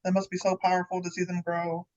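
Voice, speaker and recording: A woman hosting a podcast in casual chat, encouraging and quick to laugh. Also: fairly low pitch, completely flat delivery, a little mellow. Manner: chatty, encouraging, laughs easily. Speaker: podcast host. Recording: slightly dull lo-fi sound.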